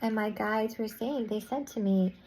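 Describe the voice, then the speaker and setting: A woman's voice: mid-range voice, normal speed, dark tone, slight background noise, poor audio. A woman vlogger casually recounting a spiritual experience, rambling with restarts and "I was like" asides.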